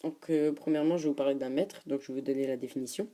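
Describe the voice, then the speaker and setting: A woman giving a hesitant class presentation, reading from notes with frequent filler pauses. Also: a bass voice, fairly even intonation, mellow. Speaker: student presenter. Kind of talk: read-aloud class presentation.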